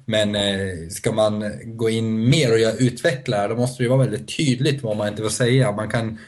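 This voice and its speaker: A man's voice: lowish voice, fairly even intonation. A man talking on a podcast panel, hesitant and restarting often, laughing between points. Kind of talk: casual podcast discussion.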